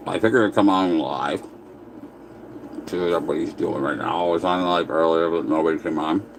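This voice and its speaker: A man's voice: sits low, fairly quick, slight background noise, poor audio. A man chatting casually on a livestream while eating, answering viewer comments and talking with his mouth full. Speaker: livestream host.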